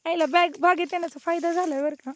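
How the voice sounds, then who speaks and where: A young woman with a Marathi accent vlogs outdoors on a mango farm, her voice very high-pitched, fairly even, and quick. She teases playfully in casual chat, mixing Hindi and English.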